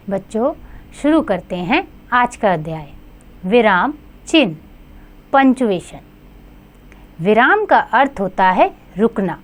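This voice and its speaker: A woman teaching a grammar lesson to children in a clear, sing-song teacherly way. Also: fairly high pitch.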